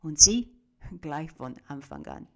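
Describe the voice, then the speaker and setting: A woman's voice: low-pitched, wildly swooping pitch, slow pace, creaky. Woman reading in whispers and bursts. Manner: swings between hushed whispers and sudden loud outbursts. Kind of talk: dramatic literary reading of a first-person monologue.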